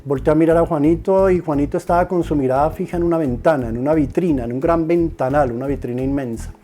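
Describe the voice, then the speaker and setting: A man, a preacher, tells a story and draws a spiritual reflection from it, earnestly and with frequent halting restarts. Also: on the high side, mellow, faint music behind.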